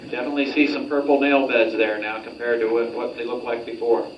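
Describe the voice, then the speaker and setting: A man instructs a group through drills in a directive, informal manner. His mid-pitched voice comes from well off the mic in an echoey space, with clear noise around him. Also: little pitch movement, quick pace, dull audio. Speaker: military-style hypoxia training instructor. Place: enclosed training chamber. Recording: roomy, distant mic, clear background noise.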